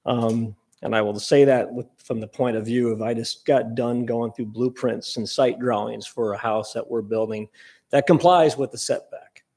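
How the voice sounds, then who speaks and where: Gravelly-voiced man at public comment. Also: medium pitch, fairly even intonation, moderate pace, darkish tone. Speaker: local resident commenter. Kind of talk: public testimony at a meeting.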